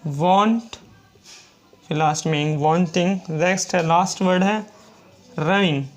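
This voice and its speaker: A man gives a classroom lesson, stepping slowly through each rule. His voice sits high for a man, and he repeats every example word patiently. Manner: slow, repetitive explaining, reads rules aloud. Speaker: shorthand teacher.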